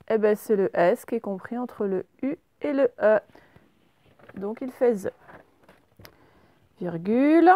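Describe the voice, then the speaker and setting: A woman teacher leading a remote handwriting and dictation lesson, slowly spelling words out letter by letter. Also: on the high side, mellow. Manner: slow, spells out letters step by step. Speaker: primary school teacher.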